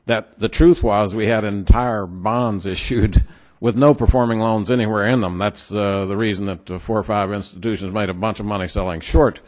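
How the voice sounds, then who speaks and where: Low-voiced man with a West Texas twang. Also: fairly even intonation, moderate pace, hardly any pauses, a little mellow. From New Mexico or West Texas, United States. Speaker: congressman questioning witnesses at a hearing. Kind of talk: formal but folksy hearing questioning.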